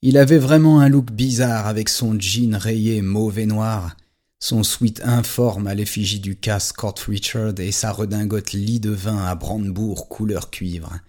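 A man's voice: fairly low pitch, fairly even intonation, a little slow, mellow. A man narrating a story in an audio drama. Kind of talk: scripted narration.

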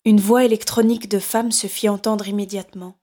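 Woman, audiobook narrator, steady measured reading, mid-range voice. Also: mid-range voice. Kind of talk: scripted narration.

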